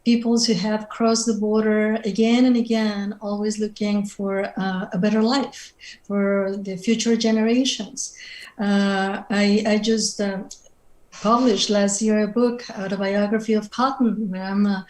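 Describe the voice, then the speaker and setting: A woman's voice: mid-range voice, flat delivery, a little slow, darkish tone. A middle-aged woman from Mexico with a Mexican Spanish accent, a native Spanish speaker, speaking thoughtfully as a panelist on a video call and searching for her words. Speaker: panelist writer. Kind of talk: reflective panel conversation. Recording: roomy video-call audio.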